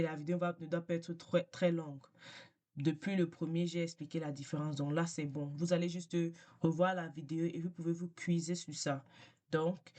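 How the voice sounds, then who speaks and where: A woman giving a casual language lesson, repeating words slowly and patiently and switching between French and English. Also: on the low side, a little mellow. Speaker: language teacher.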